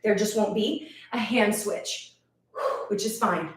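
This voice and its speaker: Winded fitness instructor in echoey room. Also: female voice, medium pitch, takes it slowly, far from the mic. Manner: encouraging, counts reps aloud. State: out of breath. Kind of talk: live workout instruction.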